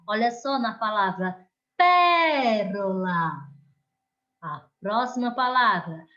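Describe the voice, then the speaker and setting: A Brazilian woman teaches children in an online lesson, speaking in an unhurried, slightly high voice. She lingers on the key words and keeps coaxing her pupils to follow along. The recording sounds dull and lo-fi. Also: expressive, bright, forceful tone. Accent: Brazilian Portuguese. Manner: slow, drawn-out stressed words, coaxing children. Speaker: primary school teacher.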